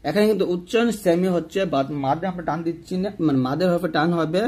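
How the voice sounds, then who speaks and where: A man's voice: on the high side, fast talker, a little mellow, husky. A man teaching Quran reading in Bengali with a Bangladeshi accent, patiently spelling out each Arabic letter and vowel mark in a repetitive drill.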